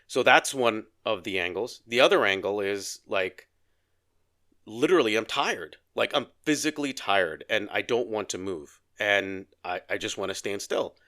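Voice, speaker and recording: A man's voice: lowish voice, normal speed. A man co-hosting a podcast in casual conversation, telling stories and acting out the dialogue in them. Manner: animated storyteller, acts out quoted dialogue. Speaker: podcast co-host.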